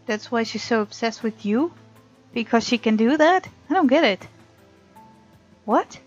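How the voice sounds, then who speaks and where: Animated and fairly high-pitched, this woman keeps to a measured pace while hosting a let's play. She reads game text and chats casually about the story, recorded through a muffled lo-fi mic with game music behind her.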